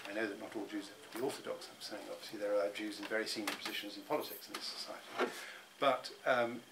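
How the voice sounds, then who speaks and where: This middle-aged Englishman, being interviewed, reflects thoughtfully in a stop-start way, often restarting and repeating words. He talks fast in a fairly low, steady voice while a faint hum sits in the background.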